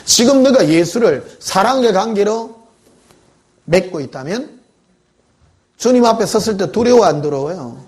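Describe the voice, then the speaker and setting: A man preaching, his pitch sitting a little high and swinging widely as he talks. He preaches in a conversational, storytelling way and keeps asking the congregation questions. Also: lively intonation, unhurried, pauses often, darkish tone. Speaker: pastor. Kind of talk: sermon. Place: church.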